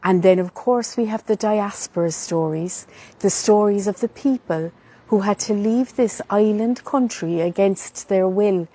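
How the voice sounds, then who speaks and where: A woman's voice: mid-range voice, a little slow, mellow. A woman with a Cork Irish accent speaking as a traditional storyteller, in a lilting, lyrical way, as she chats to promote her storytelling. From Ireland. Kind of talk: promotional chat in a storyteller's manner.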